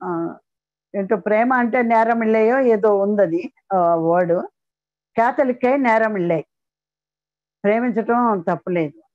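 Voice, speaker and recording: A woman's voice: medium pitch, unhurried, pauses often, no echo. Woman telling her meditation stories, lots of little fillers and restarts, sounds kinda dull and close. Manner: storytelling, animated, with many fillers and restarts. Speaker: meditation teacher sharing experiences. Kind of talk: personal spiritual testimony.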